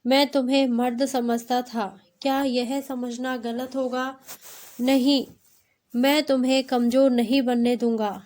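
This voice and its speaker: A woman's voice: high voice, flat delivery, slow pace, a little mellow. A woman reading the lines of a stern, fatherly army colonel in a storybook tale.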